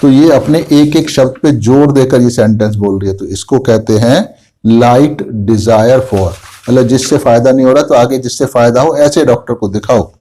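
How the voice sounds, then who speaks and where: A man's voice: mid-range voice, normal speed, dark tone. A man, a homeopathic doctor, walks through a patient's case in a lecture and retells her words before explaining them.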